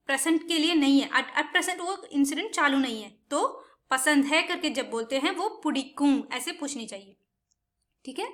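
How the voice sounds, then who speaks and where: A woman's voice: high voice, normal speed, fairly bright tone. A woman explaining a spoken language lesson patiently, often stopping to check in with the listener. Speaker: Tamil language teacher.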